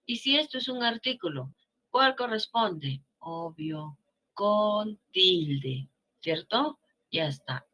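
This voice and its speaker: Slow, bright-voiced woman teacher. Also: lowish voice. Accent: Peruvian Spanish. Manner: coaxing, checks understanding with rhetorical questions. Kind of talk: grammar lesson.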